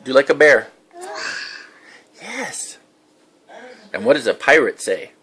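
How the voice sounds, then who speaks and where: A woman's voice: a bass voice, sing-song, slow, a bit bright. A woman playing with a toddler in a home kitchen, coaxing him with simple questions and animal sounds in a sing-song baby-talk voice.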